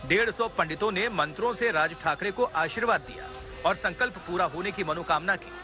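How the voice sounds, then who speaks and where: A news reporter narrates a television video package, reading the script in an emphatic, dramatic way over a music bed. His voice sits high and he moves at a moderate pace.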